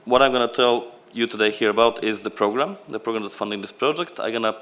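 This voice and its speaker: Lower-voiced man. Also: quick pace, fairly bright tone. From Latvia. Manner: loose, unscripted delivery. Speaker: program representative at a conference. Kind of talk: conference presentation.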